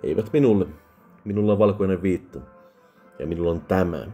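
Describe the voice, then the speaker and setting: A man with a low-pitched voice plays a drunk, bitter, menacing soldier, putting on a drunken rasp that is harsher and louder than his narrating voice. Faint music plays in the background.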